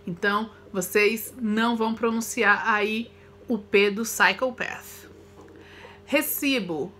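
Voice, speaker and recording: A woman's voice: fairly high pitch, bright, forceful tone, breathy edge. A woman with a Brazilian Portuguese accent teaching English vocabulary and pronunciation, drilling words one at a time and repeating examples. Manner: slow, careful word-by-word drilling with repeated examples. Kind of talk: recorded online lesson.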